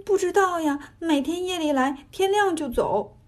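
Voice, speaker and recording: A woman's voice: very high voice, normal speed, pitched above the performer's own voice. A woman voicing a frightened, timid young daughter in a told story.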